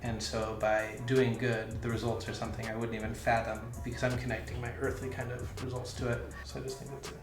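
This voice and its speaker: A man's voice: mid-range voice, level tone, fast talker, hardly any pauses, over music. A man co-hosting as a missionary, reflecting thoughtfully and searching for his words in casual chat. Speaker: missionary co-host. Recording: echoey room.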